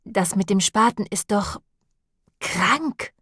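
A woman's voice: medium pitch, expressive, takes it slowly, a bit bright, husky, no echo, clean studio sound, full character voice. A woman reading the lines of a nervous, whining priest in an audiobook, plaintive and fretful in tone. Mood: agitated. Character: nervous, whining long-nosed priest man.

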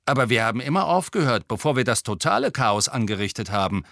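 A man's voice: medium pitch, very animated, quick pace, vocal fry, a bit bright, no echo, clean studio sound. A man voicing a cool, teasing teenage boy prankster in an audiobook. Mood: cocky.

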